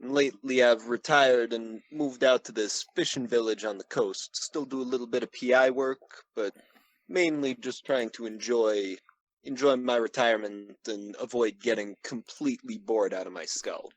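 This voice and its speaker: A man's voice: mid-range voice, moderate pace, no room sound, low-quality recording. A man playing a retired detective in a tabletop game, dry and skeptical. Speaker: player voicing a retired detective. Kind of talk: in-character role-play.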